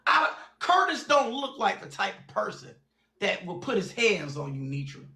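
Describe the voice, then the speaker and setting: Gravelly high-voiced man in his forties. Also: very animated, normal speed, pushed and bright, reverberant. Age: 40s. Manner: blunt, repeats phrases and names for emphasis. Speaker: livestream host. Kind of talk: heated livestream chat.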